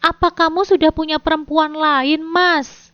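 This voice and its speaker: A woman's voice: high voice, steady tone, unhurried, no echo, pitched above the performer's own voice. A woman voicing a betrayed young wife confronting her husband, tearful and pleading. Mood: accusing. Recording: dull dry lo-fi recording.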